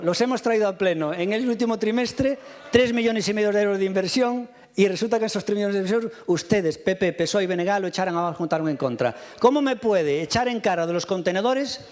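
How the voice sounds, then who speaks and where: A man, answering opponents in a heated council debate with combative, rapid rebuttals into a podium microphone in a council chamber. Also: high voice, a little mellow. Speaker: mayor answering in a council session. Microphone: fixed podium microphone.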